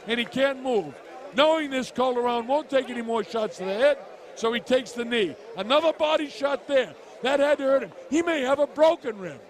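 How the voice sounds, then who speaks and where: A man giving emphatic, explanatory fight commentary, breaking down replays and repeating key points. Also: very high-pitched. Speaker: boxing commentator. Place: ringside at an arena. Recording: crowd murmur at ringside broadcast. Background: crowd noise.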